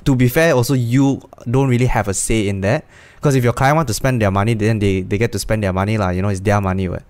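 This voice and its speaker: A man's voice: fairly low pitch, quick pace, darkish tone. A man in his thirties with a Malaysian accent, chatting casually as a podcast co-host. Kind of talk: casual chat.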